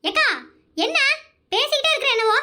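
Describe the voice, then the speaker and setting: A woman voicing a loud, blunt and talkative middle-aged village woman in a cartoon. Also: very high-pitched, lively intonation, fairly quick, background noise. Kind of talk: cartoon voice acting.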